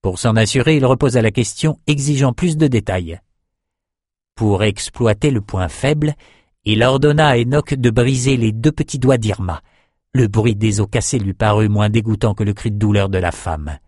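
Man reading a dark fantasy audiobook. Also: lowish voice, normal speed, no room sound, studio quality. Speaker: audiobook narrator. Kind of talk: scripted narration of a dark fantasy novel.

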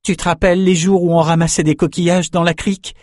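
A man voicing a gentle young male swordsman, earnest and pleading, in a storybook reading. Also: high-pitched, level tone, quick pace, no echo, studio quality, pitched above the performer's own voice, close to an everyday voice.

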